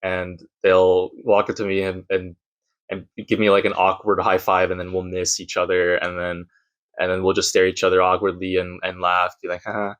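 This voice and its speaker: A man's voice: low voice, completely flat delivery, normal speed, a bit bright. A man who makes videos and streams, talking nervously and self-deprecatingly in a casual vlog from a sparse room at home. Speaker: YouTuber and streamer.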